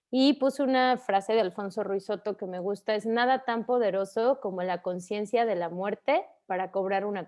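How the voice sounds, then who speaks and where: A woman in her thirties with a Mexican Spanish accent, a counselor gently giving advice on grief and repeating phrases for emphasis. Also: medium pitch. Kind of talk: warm explanatory advice talk.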